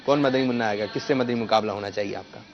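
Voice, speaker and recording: A man's voice: lowish voice, faint music behind. A man hosting a children's quiz show, coaxing the kids and correcting their pronunciation. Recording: muffled lo-fi broadcast sound.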